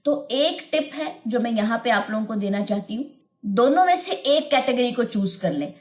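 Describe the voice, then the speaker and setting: A woman teaching tajweed, explaining patiently with repeated points and chanting verses slowly. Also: on the high side, lively intonation, reverberant. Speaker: Quran recitation teacher. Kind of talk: tajweed lesson with chanted recitation.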